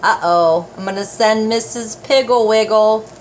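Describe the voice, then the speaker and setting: Grandma reading a kids story, high voice, takes it slow, chats to the little ones, bit of background noise. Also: female voice. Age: older. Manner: grandmotherly, slow and expressive, addressing small children. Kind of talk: read-aloud storytelling with asides to children.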